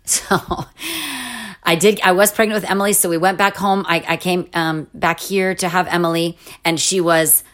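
A middle-aged woman telling a personal story in a casual interview, animated, with restarts and laughing asides. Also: lowish voice, moderate pace. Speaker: interview guest.

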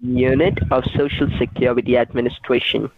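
A man's voice: medium pitch, flat delivery, fairly quick, vocal fry, dry recording. A man on a phone call, talking as a caller who poses as a government officer. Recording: tinny, narrow phone line.

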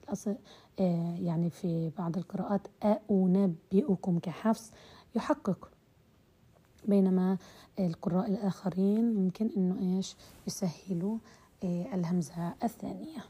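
A woman giving a voice-message lesson on Quran recitation terms, explaining slowly with hesitations and drawn-out example words. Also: lowish voice, fairly even intonation, warm tone, breathy edge.

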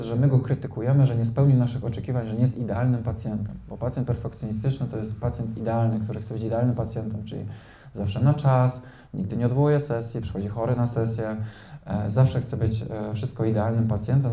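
A man speaks as a psychotherapist lecturing a live audience, explaining patiently with many hesitant fillers and tag questions. His voice is very dark and mellow at a middling pitch. The sound is roomy and echoey.

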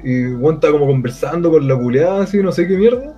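A man's voice: a little high, expressive, fast talker, mellow, lo-fi sound, faint music behind. A man with a Chilean accent, a podcast co-host, telling a story in casual, crude slang and acting out the people in it. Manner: crude slangy storytelling, acts out quoted voices.

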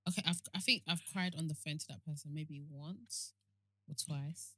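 A woman's voice: low-pitched, normal speed, a bit bright, no echo, studio quality. A woman co-hosting a podcast, speaking frankly and with emphasis. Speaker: podcast co-host. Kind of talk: casual chat.

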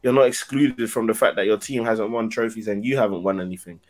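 A man's voice: on the low side, quick pace. A man with a London urban roadman accent chatting casually about football, in a slangy, vivid, conversational way. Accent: London, urban roadman slang style.

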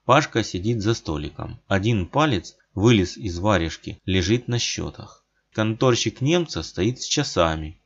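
A man narrating a literary audiobook in a measured, plain manner, in a dull lo-fi recording. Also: on the low side, lively intonation, husky.

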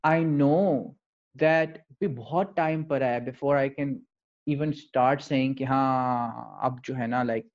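A man with a Pakistani accent telling personal stories in a thoughtful, halting conversational way, switching between English and Urdu. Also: mid-range voice, darkish tone, highs cut off. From Lahore, Pakistan. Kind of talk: reflective conversational storytelling.

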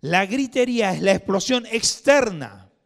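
A man preaching a sermon in a church, swinging from loud emphatic bursts to hushed asides. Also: sits high, lively intonation, a little slow, gravelly. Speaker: pastor. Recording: long hall reverb.

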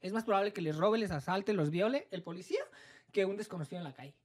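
A woman tells a story in casual conversation. She is animated and theatrical, singing little sound effects as she goes. Her voice sits at an ordinary middle pitch. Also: fast. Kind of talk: casual chat.

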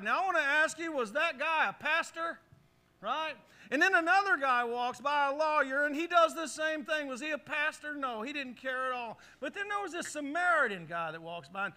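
A middle-aged male pastor with a very high voice preaches a sermon in a church sanctuary, leading the congregation in call-and-response with animated, forceful delivery. He uses a handheld or headset mic.

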